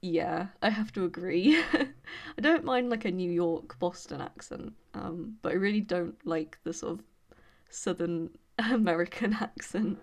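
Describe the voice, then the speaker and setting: A young woman from Birmingham with an English accent, chatting casually with her live stream viewers in a hesitant, rambling way, full of fillers and quick laughs. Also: fairly low pitch, creaky. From Birmingham, England. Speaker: study stream host.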